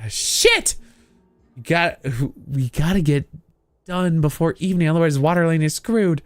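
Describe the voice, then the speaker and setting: Man putting on a high, snappy young girl. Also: normal speed, vocal fry, faint music behind. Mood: panicked, hurried. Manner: exasperated, snappy. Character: irritated, hurried young working girl. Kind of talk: role-play reading of game dialogue.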